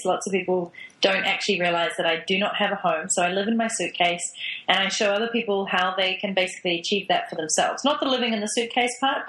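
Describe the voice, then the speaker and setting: Kiwi lady w a softened new zealand accent chatting as a podcast guest, roomy echo on her voice. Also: mid-range voice. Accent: New Zealand, slightly internationalized. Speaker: podcast guest, online business owner. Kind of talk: conversational interview. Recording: roomy, echoing sound.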